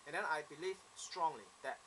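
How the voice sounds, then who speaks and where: A man's voice: a little high, brisk, fairly bright tone, slight background noise, low-quality recording. A man in his twenties from Hong Kong, speaking with a Hong Kong accent, earnestly telling his own story in a self-introduction video. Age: 20s. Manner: earnest, plain storytelling with simple phrasing. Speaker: applicant.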